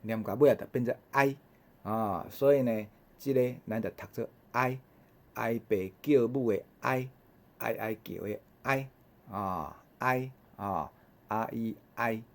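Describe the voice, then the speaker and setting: Slow Taiwanese man teaching vowels. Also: medium pitch. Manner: slow, repeats each sound several times in drills; habitual "ha" fillers between drills. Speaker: language teacher. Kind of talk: recorded vowel lesson.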